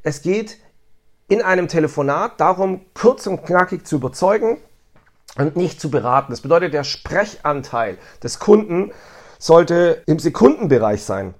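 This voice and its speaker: A man's voice: on the high side, expressive, moderate pace. A man giving a telephone sales training talk, explaining step by step and acting out sample greetings with emphasis.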